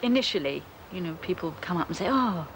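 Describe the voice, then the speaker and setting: A woman's voice: lowish voice, expressive, quick pace, a little hiss or hum, poor audio. A middle-aged woman, an actress, talking earnestly and self-deprecatingly in an interview. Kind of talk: casual interview.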